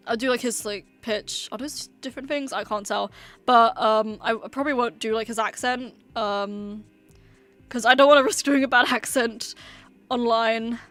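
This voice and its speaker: A woman's voice: a little high, fairly bright tone. A woman streamer chatting casually, rambling and hesitant with lots of "um" and "like". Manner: rambling, hesitant, many fillers. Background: faint background music.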